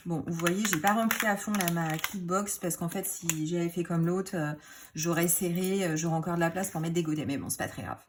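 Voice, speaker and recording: A woman's voice: fairly low pitch, brisk, background noise. Chatty woman showing her paint palettes. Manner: chatty, rambling, many fillers and self-corrections; trails off into quiet asides. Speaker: craft YouTuber. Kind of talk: casual show-and-tell.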